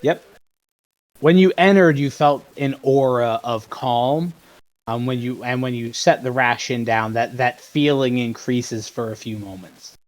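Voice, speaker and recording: A man's voice: mid-range voice, unhurried, rough recording. A man narrating a tabletop game as game master, stopping and restarting often as he describes the scene.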